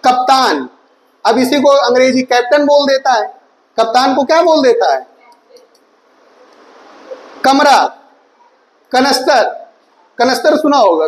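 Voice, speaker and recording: A man's voice: very high voice, animated, a little slow, pauses often, low-quality recording. A man teaching an online exam-prep Hindi class, listing words and quizzing his students with rhetorical questions, calling them his children. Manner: addresses students fondly as children.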